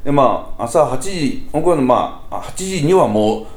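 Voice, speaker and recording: A man's voice: mid-range voice, slow. A man with a Kansai accent, telling stories casually as a podcast host and acting out how people talk. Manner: animated, mimics people mid-story. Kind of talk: casual chat, storytelling. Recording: roomy echo, faint background noise.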